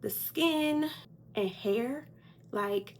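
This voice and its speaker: A woman's voice: a little high, extremely slow, slight background noise. A woman in her forties talks candidly to her viewers while doing her makeup, fighting back tears. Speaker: beauty vlogger. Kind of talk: emotional get-ready-with-me talk.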